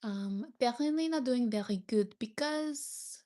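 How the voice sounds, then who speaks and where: A woman's voice: fairly high pitch, unhurried, dark tone. A young woman from France, a native French speaker with a French accent, chatting casually on her livestream, thanking viewers and sometimes searching for English words. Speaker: livestream host.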